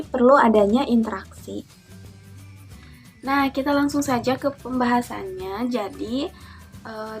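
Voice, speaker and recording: A young woman, a university student, giving a measured academic presentation of her research, often starting sentences with "nah". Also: fairly high pitch. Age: young adult. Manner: measured, explanatory, with fillers like "nah" and "gitu".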